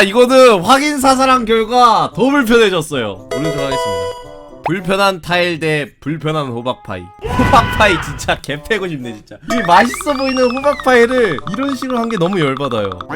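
Guy streamer ranting and yelling, voice jumps all over, music playing underneath. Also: high voice, fairly quick. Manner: animated, exclaiming and grumbling. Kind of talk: casual reaction commentary.

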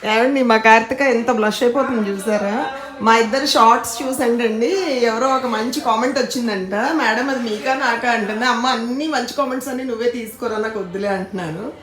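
A woman's voice: on the high side, a little fast, fairly bright tone. A woman chatting casually to her viewers in a home vlog, mixing in English words. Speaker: vlogger.

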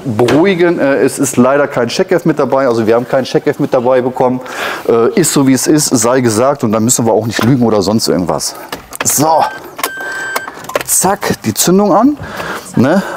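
Chatty Ruhr-accented car dealer. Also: male voice, medium pitch, a little mellow, slight background noise. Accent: German, Ruhr area. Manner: chatty, frequent filler tags and asides to viewers. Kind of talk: casual car walkaround presentation. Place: car dealership showroom, partly inside a car. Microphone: lapel mic.

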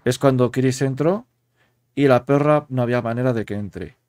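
Man, paranormal show host, mellow dark voice, dry close sound. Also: medium pitch, normal speed, clean tone, dry recording. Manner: explains at length, admits playful mischief. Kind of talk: conversational storytelling.

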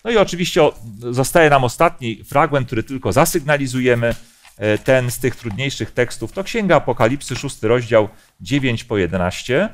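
A man's voice: medium pitch, lively intonation, normal speed. A man leading a Bible study discussion, explaining passages and asking the group questions.

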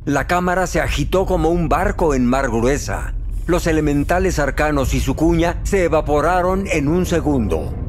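A man narrating a fantasy audiobook in a steady, dramatic storytelling manner. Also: a little high. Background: faint music.

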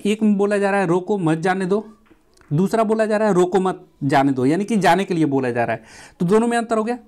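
A man's voice: sits high, a little mellow. A man teaching a punctuation lesson at a board, asking questions and answering them himself, repeating key phrases. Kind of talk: classroom lecture at a board.

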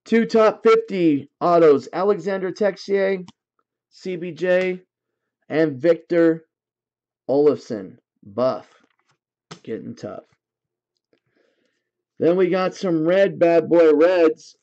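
A man's voice: on the high side, expressive, takes it slowly, pauses often, a little mellow. Casual male card-break host, slightly raised voice, reads names off cards in lists, muffled lo-fi stream sound. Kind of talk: livestream card break commentary.

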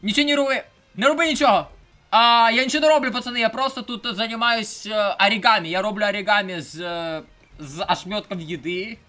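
Young guy narrating his game, real high voice, goes from mumbling to yelling. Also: fairly quick, soft background music. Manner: swings between mumbled asides and shouted outbursts, voicing his captured character. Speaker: gameplay streamer. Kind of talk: casual let's-play commentary.

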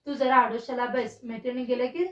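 A servant girl at a palace door, full of questions and quick to promise, as a woman narrator reads her part. The voice is high and sounds distant in a reverberant space. The recording is dull and lo-fi. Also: steady tone, lightly acted. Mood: questioning. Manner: questioning, then solemn vow-making. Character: palace maid, wary then pleading.

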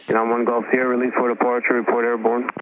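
A man's voice comes over an aviation radio, reading clearances in an even, monotone way. Loud static and engine hum nearly bury him, giving it the sound of a routine cockpit radio call. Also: mid-range voice, fast talker, narrow, tinny audio. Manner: flat, routine radio delivery. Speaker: air traffic controller.

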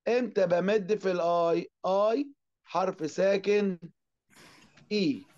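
A man with an Egyptian Arabic accent teaching an online class. He asks and answers his own questions and draws out English words slowly. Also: high-pitched, darkish tone, dull audio.

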